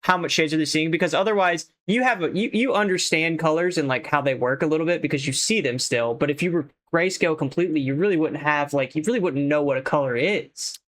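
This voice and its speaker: A man co-hosting a podcast, chatting casually with quick teasing banter. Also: on the high side, fairly bright tone. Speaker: podcast co-host. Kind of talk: casual chat.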